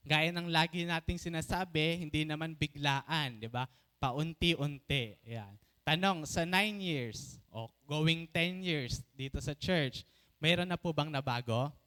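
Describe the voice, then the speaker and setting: A man delivers a sermon in a fairly high, smooth and clear voice. He mixes English into his Tagalog and keeps turning to the congregation for an amen. He slows down and stretches out the phrases he wants to land. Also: pushed and bright. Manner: preaching in Tagalog mixed with English, calls for amens. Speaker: preacher.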